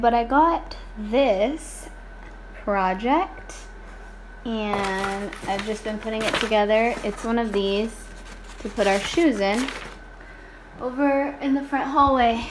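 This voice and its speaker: A woman's voice: fairly high pitch, measured pace, noisy background. A young woman, a mother hosting a casual home vlog, chatting and asking her toddler questions.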